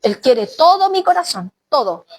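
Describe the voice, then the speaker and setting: A woman's voice: sits high, sing-song, normal speed. A woman pastor preaching a sermon, often exclaiming and speaking straight to the congregation as brother and sister. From Chile.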